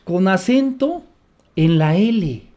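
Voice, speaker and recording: Mexican male radio commentator, indignant and mocking, voice sits high. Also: expressive, slow pace, warm tone. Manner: sarcastic, indignant. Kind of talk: opinion commentary broadcast.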